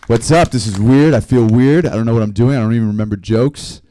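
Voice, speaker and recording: A man doing a stand-up comedy set, telling rambling stories in a deadpan way. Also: mid-range voice, fast talker. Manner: deadpan, rambling storytelling with small laughs. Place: live comedy stream venue.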